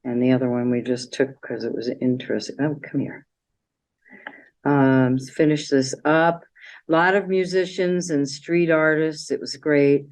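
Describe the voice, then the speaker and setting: A woman with a notably low voice talks casually through her travel slides. She rambles a little and fills pauses with "um" and "so" as she clicks along. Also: steady tone, darkish tone. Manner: chatty, meandering, with many fillers. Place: library meeting room.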